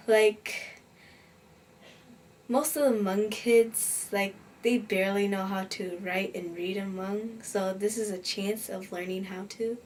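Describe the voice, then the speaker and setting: A woman's voice: medium pitch, a little mellow, distant mic. A teenage girl speaking thoughtfully in a documentary interview. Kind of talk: personal testimony in a documentary interview.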